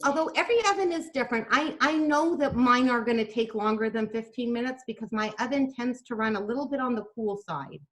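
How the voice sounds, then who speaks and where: A woman's voice: fairly high pitch, fast, few pauses, fairly bright tone. A woman teaching a casual cooking demonstration over a video call. She talks in a chatty, homey way and often restarts her sentences. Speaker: cooking class instructor.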